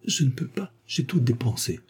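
A tearful, coaxing young woman pleads in a storybook reading, as a man reads her part. The pitch sits well above his own voice and keeps a husky edge. Her whine is soft and wheedling. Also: expressive, normal speed.

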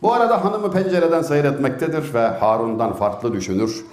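Animated man telling anecdotes. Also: a little fast, reverberant. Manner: animated, swings pitch up and down to act out each character. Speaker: storyteller giving a religious talk. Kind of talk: storytelling talk with acted quotes.

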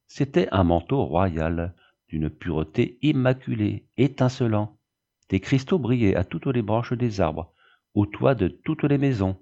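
A man narrating a classic story in a measured, storybook reading. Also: lowish voice, lively intonation, creaky, dark tone, highs cut off. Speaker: audiobook narrator. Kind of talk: scripted narration.

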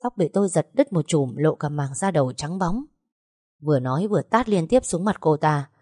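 Woman, story narrator, dramatic first-person telling, lowish voice, dry close sound. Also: lively intonation, normal speed, mellow, husky, no room sound.

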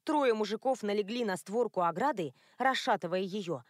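A woman narrating an audiobook chapter with a measured, expressive reading. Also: mid-range voice, no room sound, clean studio sound. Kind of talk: scripted narration.

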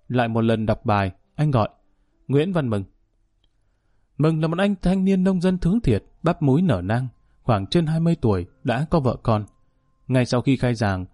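A man narrating a spoken story in a calm, measured way. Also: medium pitch, dry recording, clean studio sound.

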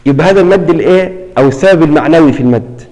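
A man with a fairly high voice teaches a recitation class. He quizzes his students and repeats each term, and he stretches words out slowly when he shows how they are read. His voice rings with a long hall reverb. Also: a little mellow. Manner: prompts students with questions, repeats key terms. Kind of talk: classroom lesson on tajweed.

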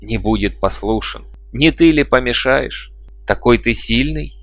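A man's voice: fairly low pitch, measured pace, a bit bright, no echo. Man reading a stubborn, scornful chief. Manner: reproachful, sneering.

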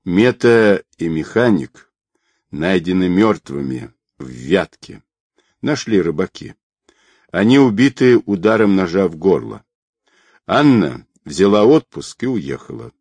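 A man voicing a terse male bodyguard in an audiobook, reporting news flatly. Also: low-pitched, unhurried, dry recording, heavily acted.

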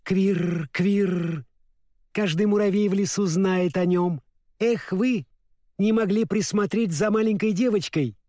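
A man's voice: high-pitched, measured pace, dark tone, no room sound, studio quality, voice pushed up. A man voicing a mocking female squirrel in a storybook, scolding and chattering.

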